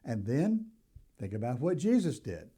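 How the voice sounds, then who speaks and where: An older man preaching a sermon in a deliberate, emphatic way, stressing key words as he teaches. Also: mid-range voice, big pitch swings, dark tone, slightly rough. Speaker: pastor.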